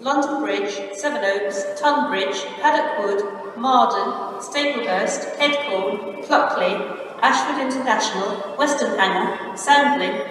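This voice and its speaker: Slow woman's train station announcement. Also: on the high side. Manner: measured, even, formal delivery. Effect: train station loudspeaker announcement. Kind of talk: recorded departure announcement. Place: large railway station concourse. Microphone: station loudspeaker picked up from far off. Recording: echoey station hall, distant, noisy. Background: station ambience.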